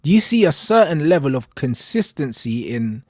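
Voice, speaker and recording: Animated London roadman, dry close sound. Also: fairly high pitch, normal speed, no echo. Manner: roadman slang, emphatic and repetitive. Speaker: football fan pundit. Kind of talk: casual football rant.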